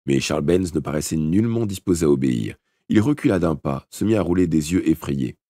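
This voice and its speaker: A man's voice: extremely low pitch, expressive, brisk, dark tone, dry recording, studio quality. A man narrating a children's audiobook, reading it aloud with expression. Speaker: audiobook reader. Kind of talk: storybook narration from a live stream.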